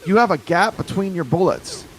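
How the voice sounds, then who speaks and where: A man's voice: sits high, expressive, moderate pace, fairly bright tone. A man hosting a casual live chat, showing retro games with eager, rambling talk. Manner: enthusiastic, rambling, repeats words. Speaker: host reviewing a retro console. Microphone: streaming with camera.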